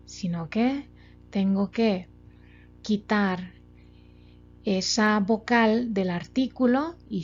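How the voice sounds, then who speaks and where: A woman's voice: medium pitch, a little mellow. A woman teaching a grammar lesson from slides, explaining step by step with many examples. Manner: slow, methodical explaining with examples. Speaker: language teacher. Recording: dull lo-fi sound, faint music.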